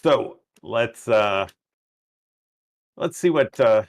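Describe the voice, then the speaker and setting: A man's voice: fairly low pitch, expressive, extremely slow, creaky. A man playing a tabletop game, jokingly taunting and interrogating a captive in character. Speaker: player. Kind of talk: tabletop role-play.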